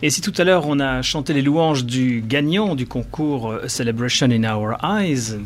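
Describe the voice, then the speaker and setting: A man's voice: mid-range voice, animated, moderate pace, slight background noise. A man presenting a guest with formal, polished phrasing as a co-host. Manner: eloquent, formal.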